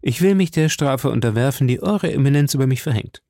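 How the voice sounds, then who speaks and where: A man voicing a proud, fearless young musketeer who speaks earnestly and forcefully. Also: medium pitch, animated, a little fast, vocal fry, no room sound, studio quality, voice pushed up.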